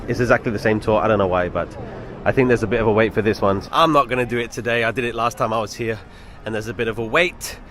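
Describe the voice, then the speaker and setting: Walking through a city street outdoors, a male travel vlogger chats casually to camera. His voice sits on the low side with a fairly bright tone, and he talks fast over slight background noise. His accent is British, though listeners often take it for American.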